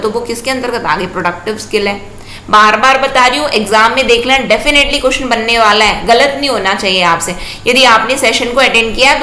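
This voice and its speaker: A woman's voice: on the high side, sharp tone. A woman teacher giving an exam-prep lecture, repeating her points and asking rhetorical check questions. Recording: echoey room with faint noise.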